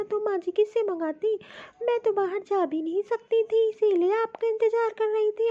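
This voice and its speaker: A woman's voice: very high-pitched, mellow, dull audio. A woman voicing a patient, apologetic young daughter-in-law who explains herself at length in a cartoon.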